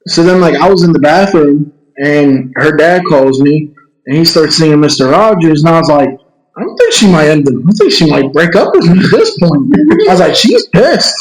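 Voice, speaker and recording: Young man, higher voice, lively and joking, echoey room. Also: moderate pace. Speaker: podcast guest, partner of the storyteller. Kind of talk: casual comedic chat.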